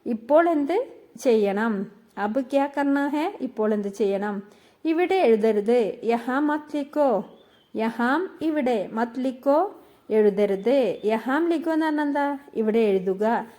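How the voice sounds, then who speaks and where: A woman teaching phrases in a spoken-language lesson, saying each phrase slowly, repeating it and explaining it. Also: a little high, expressive, dark tone.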